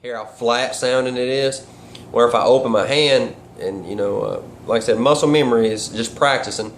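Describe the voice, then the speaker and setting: Folksy guy rambling through a casual tutorial, loose grammar, medium pitch, some noise in the background. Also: normal speed. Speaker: duck calling instructor and caller. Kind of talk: casual instructional vlog talk.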